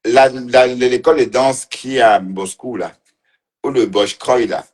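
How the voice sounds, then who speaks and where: A man's voice: mid-range voice, measured pace, darkish tone. Mocking man in casual livestream commentary. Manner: mocking and teasing, laughing often, repeating phrases. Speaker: online commentator.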